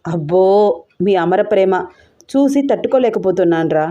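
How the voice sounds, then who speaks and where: A woman's voice: mid-range voice, lively intonation, normal speed, dark tone, highs cut off, voice pushed down, close to an everyday voice. A woman voicing a blunt, mocking young male friend in an audio story.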